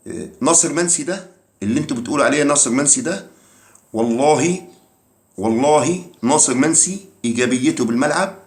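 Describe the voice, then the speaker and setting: A man with an Egyptian accent giving a heated, teasing football rant, mocking and repeating himself for emphasis. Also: mid-range voice. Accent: Egyptian Arabic. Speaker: football commentary vlogger. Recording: echoey room.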